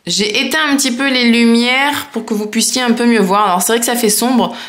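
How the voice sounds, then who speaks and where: A woman's voice: on the high side, steady tone, brisk, a bit bright. A woman vlogger chatting casually and enthusiastically as she reviews nail polishes, with frequent fillers.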